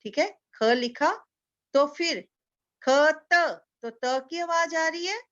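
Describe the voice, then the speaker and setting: A woman teacher giving a slow, patient lesson to young children, repeating each word so they can echo it. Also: very high voice, a bit bright, muffled recording. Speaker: kindergarten teacher.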